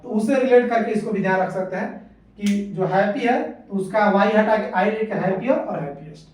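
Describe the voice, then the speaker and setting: High-voiced man teaching grammar in an echoey room. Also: a little fast, darkish tone. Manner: patient, repeats points and asks the class questions. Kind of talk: classroom lesson. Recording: echoey room, voice far from the mic.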